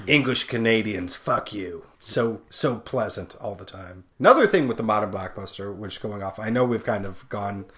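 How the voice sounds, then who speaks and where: Rambling, profane young man, low-voiced. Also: animated, fairly bright tone. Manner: profane, rambling, fast asides. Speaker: podcast co-host. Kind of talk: casual podcast chat.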